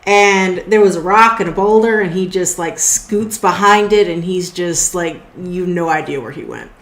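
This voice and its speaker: A woman narrating as game master in a tabletop game, talking casually with many fillers and pauses. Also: on the low side, roomy sound.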